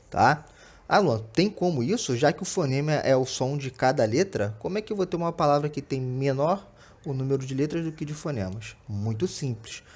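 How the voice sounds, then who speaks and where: A young adult man with a Brazilian Portuguese accent teaches an online lesson over slides in a medium-pitched, slightly mellow voice. He explains patiently and keeps checking in with quick tags such as "tá?" and "né?".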